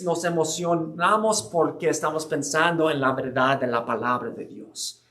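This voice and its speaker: A man's voice: high voice, a bit bright. A man giving an earnest church history lecture, explaining with frequent restarts and hesitations.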